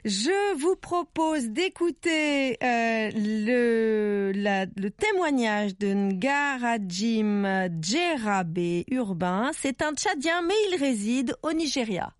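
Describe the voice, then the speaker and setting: Female radio host, slow wry delivery, higher voice, dry studio sound. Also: lively intonation, no room sound. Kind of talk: radio presenting.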